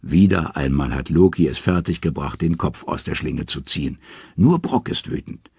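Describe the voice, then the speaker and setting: A man narrating an audiobook of myths with expressive storytelling. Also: extremely low pitch, moderate pace, gravelly, husky, dry recording, studio quality. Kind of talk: scripted narration.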